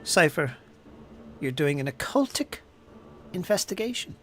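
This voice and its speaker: A man running a tabletop game as game master, narrating scenes in a deliberate, descriptive way with a shifting pace. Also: on the high side, big pitch swings, a bit bright, slight background noise.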